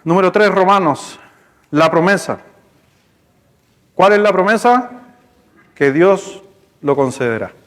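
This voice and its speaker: A male pastor with a Chilean accent, preaching a sermon in a lively, storytelling way, speaking to the congregation. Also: sits high, slow, pauses often. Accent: Chilean Spanish. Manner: storytelling, animated, conversational with congregation. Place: church hall. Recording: long hall reverb in church.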